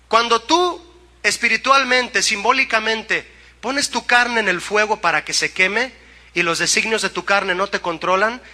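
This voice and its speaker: A man's voice: high-pitched, bright, forceful tone, long reverb tail. A male pastor preaching a sermon, reading scripture aloud and asking the congregation to answer back.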